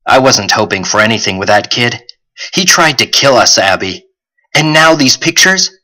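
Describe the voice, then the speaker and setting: A man's voice: mid-range voice, animated, bright, forceful tone, poor audio. A man doing a wry, tired teen boy. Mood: exasperated. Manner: quick, wry and dismissive. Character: sarcastic teenage boy, tired and skeptical.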